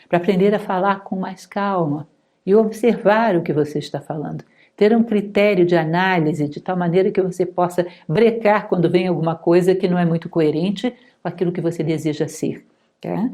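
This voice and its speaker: Calm Brazilian woman lecturing, mellow voice. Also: on the low side. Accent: Brazilian Portuguese. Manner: calm, measured, teaching tone. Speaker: lecturer on philosophy. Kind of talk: spoken lecture.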